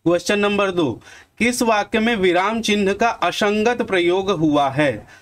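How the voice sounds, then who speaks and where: High-voiced Chhattisgarhi teacher explaining. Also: male voice, unhurried. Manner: addresses viewers as friends, asks and answers own questions. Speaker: exam-prep teacher. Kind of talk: online lesson with examples.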